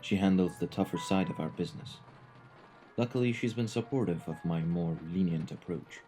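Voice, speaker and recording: Speaking in a natural, very low voice, a man plays a polite, refined mafia gentleman in an audio roleplay, gentle and advising in mood. His formal, eloquent words come out measured, calm menace lurking under the courtesy as faint music plays.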